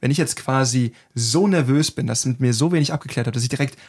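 A man talking fast at a middle pitch in a casual podcast chat. He explains his points as a self-defence trainer, stacking thoughts quickly and checking in with short tag questions. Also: darkish tone, husky.

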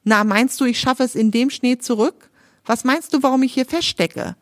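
A woman's voice: on the high side, moderate pace, no room sound, clean studio sound, voice pushed up, lightly acted. A woman voicing a cheerful, chatty male magic motorcycle in a children's story, a bit whiny about being bored. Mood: explaining.

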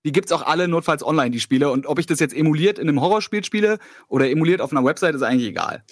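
Schnell redender Mann, trockener Klang. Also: male voice, a little high, lively intonation, very fast, dry recording. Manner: emphatic, argumentative. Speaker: panelist. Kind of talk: casual debate on a game show panel.

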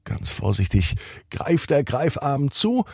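Gravelly, lilting bedtime storyteller man. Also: mid-range voice, big pitch swings, slow pace, dry recording, clean studio sound. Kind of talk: children's bedtime story narration.

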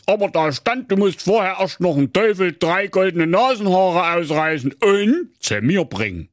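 A man's voice: sits high, big pitch swings, moderate pace, no room sound, studio quality, pitched above the performer's own voice. A man doing a blustering wicked king. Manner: blustering, sneering. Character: wicked scheming king, pompous and rude.

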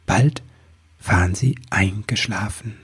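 A man reading a children's Christmas story aloud with calm, expressive narration. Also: on the low side, takes it slowly, husky.

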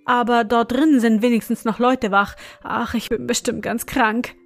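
A woman's voice: a little high, steady tone, moderate pace, soft background music, close to an everyday voice. A woman voicing a fretful older councillor. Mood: plaintive. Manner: complaining, plaintive. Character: fretful bewildered older male judicial councillor.

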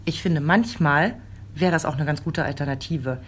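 A woman in her forties, chatting casually and telling a family story with animated quoted voices. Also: low voice, normal speed, a little hiss or hum. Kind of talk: casual chat.

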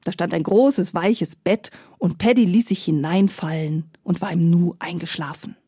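A woman storyteller narrating a fairy tale in a lively, playful way, recorded close and dry. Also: fairly low pitch, moderate pace, husky, dry recording.

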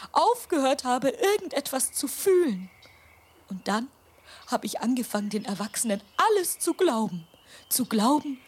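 A woman voicing a strict, prim old grandmother mouse who speaks in a breathy, stammering half-whisper. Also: fairly high pitch, exaggerated voice.

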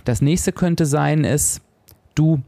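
Man, podcast coach, solo monologue, talks to the listener, animated pitch, dry close sound. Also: moderate pace, no echo. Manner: talks straight to the listener, tag questions.

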